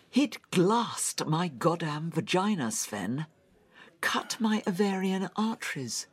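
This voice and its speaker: An actress voicing a traumatized woman recounting a brutal attack, halting and often dropping into whispers, in an audio drama. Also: deep voice, slightly rough, full character voice.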